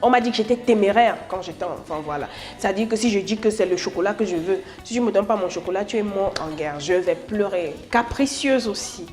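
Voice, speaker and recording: A woman's voice: medium pitch, a little fast, hardly any pauses, a little mellow, soft background music. Cameroonian woman, playful and chatty. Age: 30s. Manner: playful, chatty, slips between French and English. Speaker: musician interviewee. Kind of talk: self-introduction interview.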